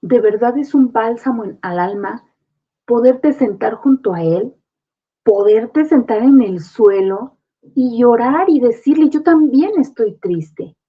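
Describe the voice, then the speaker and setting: A woman's voice: on the high side, a little slow, slightly rough. Woman explaining with earnest reassurance. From Mexico. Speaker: guest grief specialist. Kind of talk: conversational advice on a talk program. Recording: muffled lo-fi sound.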